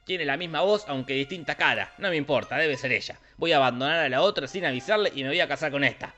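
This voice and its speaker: A man's voice: a little high, fast, bright, forceful tone, dull audio, faint music behind. A man doing a clueless slangy prince. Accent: Rioplatense Spanish. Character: dim, fickle young prince.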